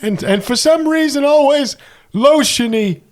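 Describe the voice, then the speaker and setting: Lady doing a chipper old folks home resident in a tabletop game, super high voice, deadpan. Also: a little slow.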